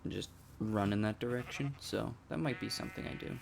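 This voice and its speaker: Raspy guy chatting thru his game, kinda hoarse, second-guessing himself, deep-ish voice. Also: a little fast, very noisy. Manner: thinks aloud, mild self-corrections. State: allergy-hoarse. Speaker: gameplay channel host. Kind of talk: casual gameplay commentary. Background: loud music.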